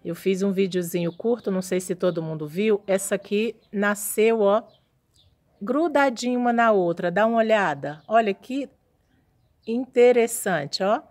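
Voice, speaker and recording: A woman's voice: mid-range voice, moderate pace, darkish tone. Chatty woman touring her orchid house. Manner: chatty, admiring, showing plants to viewers. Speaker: orchid grower vlogger. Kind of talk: casual walking tour narration.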